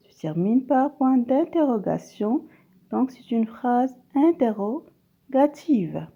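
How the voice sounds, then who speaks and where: Slow woman teacher, gravelly voice. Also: a little high, big pitch swings, phone-quality sound. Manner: switches between French and Moroccan Arabic, reads out example sentences. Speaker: primary school teacher. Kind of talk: video grammar lesson.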